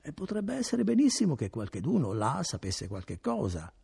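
A man's voice: on the high side, wildly swooping pitch, moderate pace, creaky, warm tone, breathy edge, pitched above the performer's own voice, exaggerated voice. A man playing a wary young villager. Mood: guarded. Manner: evasive, guarded, feigned indifference. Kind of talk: audiobook character reading.

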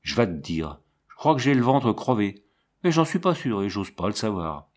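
A man's voice: fairly low pitch, big pitch swings, moderate pace. A man voicing a wounded soldier lying in mud, who speaks in a muffled, frightened way.

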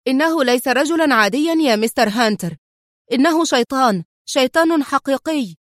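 A woman's voice: high voice, expressive, brisk, no echo, clean studio sound, pitched above the performer's own voice. A woman voicing a panicked male pilot who cries out and pleads in terror. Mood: terrified.

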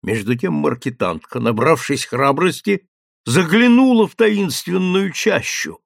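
A man narrating an audiobook in a steady, measured reading. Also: on the high side, gravelly, no room sound, clean studio sound. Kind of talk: scripted narration.

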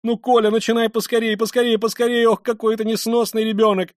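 Male reader playing a haughty consumptive noblewoman on the edge of hysteria; pitched well up, shrill, in a dry audiobook read. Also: fast, no echo, natural voice. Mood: scolding. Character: feverish consumptive impoverished noblewoman, proud and hysterical.

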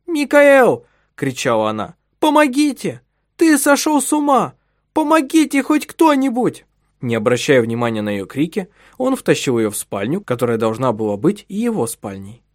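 A man reads a novel aloud in a calm storytelling manner. His intonation moves freely through the phrases. The recording is dry and close. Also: mid-range voice, no echo. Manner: calm, even storytelling, voicing the husband in his own register. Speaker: narrator. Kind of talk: audiobook narration of a novel.

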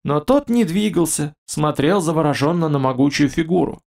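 Guy reading a fantasy story aloud, raspy gravelly voice, kinda high, steady pace. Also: moderate pace. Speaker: narrator. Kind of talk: audiobook narration.

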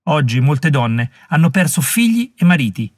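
A man's voice: a little high, sing-song, moderate pace, dry recording, clean studio sound. A man reading an audiobook voices a fierce young Mohawk woman who scolds warriors scornfully and commandingly. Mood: fierce scorn.

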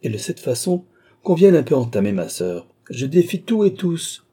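A boastful, scheming viscount, read by a man, eager and full of his own plans. His voice is dark and mellow, with a husky edge. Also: fairly high pitch, sing-song, moderate pace, pitched above the performer's own voice.

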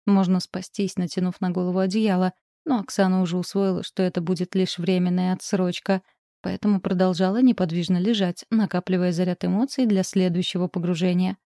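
A woman narrating a literary story in a calm, measured audiobook reading. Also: lowish voice, no room sound, clean studio sound.

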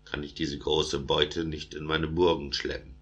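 A tiny ant queen out for revenge on a tyrant, voiced by a man with a very deep, low voice. Her lines come in even, rhythmic verse. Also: measured pace, full character voice. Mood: scheming. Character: female ant queen, small and vengeful.

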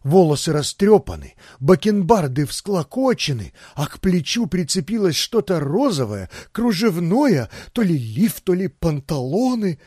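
A man narrating a first-person novel in an expressive, theatrical way. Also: high voice, a little slow, few pauses, slightly rough, no echo, clean studio sound. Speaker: audiobook narrator.

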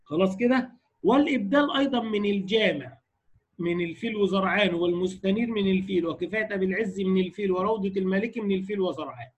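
High-voiced Egyptian man teaching recitation. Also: fast, breathy edge. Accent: Egyptian Arabic. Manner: explanatory, checks in with students. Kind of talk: lecture on recitation variants.

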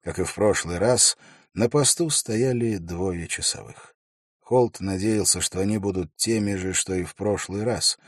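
A man reading an audiobook in a measured, steady storytelling voice. His tone is deep and husky, recorded dry and close to the mic. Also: no echo. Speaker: audiobook narrator. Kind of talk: scripted audiobook narration.

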